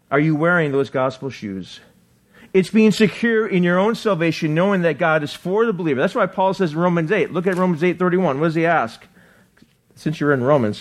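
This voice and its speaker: A man preaching a sermon as pastor, talking fast and excitedly, with many rhetorical questions to the congregation. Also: a little high.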